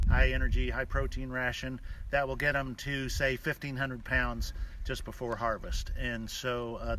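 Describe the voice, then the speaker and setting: A male rancher explaining and telling stories off the cuff in a folksy, halting way with deliberate pauses. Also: mid-range voice. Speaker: rancher hosting a live stream from a ranch. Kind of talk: unscripted explanatory talk and storytelling. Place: outdoors on a cattle ranch. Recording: distant mic outdoors, clear background noise. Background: cattle mooing.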